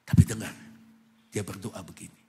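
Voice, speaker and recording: A man preaching a sermon, telling a story with drama, from hushed low lines up to loud shouts, in a large church hall. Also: measured pace. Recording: music under a long hall reverb.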